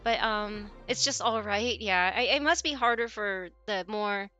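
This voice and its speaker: A woman's voice: mid-range voice, a little slow, pushed and bright, dry recording, lo-fi sound. A woman live streamer talking casually to her chat in a rambling, conversational way. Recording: music playing behind the voice. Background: background music.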